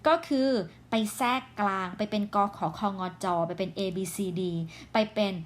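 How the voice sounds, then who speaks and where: A woman teaching English phrasal verbs in Thai with a Thai accent, reading English examples slowly and carefully. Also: medium pitch. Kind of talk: online grammar lesson.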